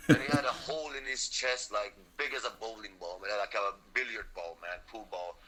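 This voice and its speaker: A man's voice: fairly low pitch, a little fast, sharp tone, poor audio. A young man from Sweden, a frontline fighter talking as an interview guest, intense and blunt, swearing and saying "man" and "bro" all the time. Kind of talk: impassioned interview talk.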